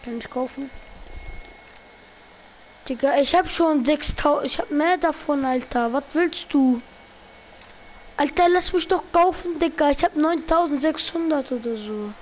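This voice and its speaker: A woman streaming gameplay, talking in heavy street slang and swearing at teammates in excited bursts. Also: high-pitched, a little slow, pauses often, a little hiss or hum, low-quality recording. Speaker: gaming streamer. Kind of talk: live gameplay commentary.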